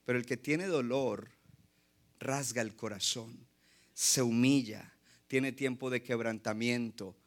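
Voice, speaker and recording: A man's voice: medium pitch, slow. A man from Colombia, preaching an impassioned sermon as a pastor and mixing in English phrases.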